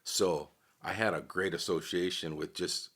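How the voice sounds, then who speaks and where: A middle-aged man from Hawaii, a podcast guest, telling stories in a relaxed, casual chat. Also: low voice, a little slow, breathy edge. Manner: relaxed storyteller who acts out quoted voices.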